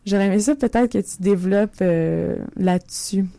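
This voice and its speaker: A woman's voice: medium pitch, moderate pace, gravelly, dark tone, dry recording. A woman with a Québécois French accent hosting a podcast, asking questions in a casual, earnest way. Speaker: podcast host. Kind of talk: conversational interview.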